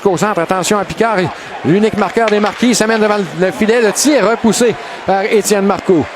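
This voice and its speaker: A man with a Quebec French accent giving excited play-by-play hockey commentary, calling the action in a raised voice. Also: high-pitched, brisk, over music. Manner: excited, shouted calls of shots and goals. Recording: noisy arena, loud crowd behind. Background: loud crowd and rink noise.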